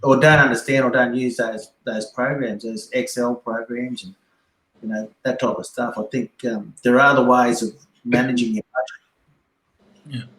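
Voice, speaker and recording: A man's voice: mid-range voice, fairly even intonation, normal speed, fairly bright tone. Laid-back Australian man, echoey room. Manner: laid-back, rambling, many fillers. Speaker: guest. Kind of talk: casual yarn on a live stream.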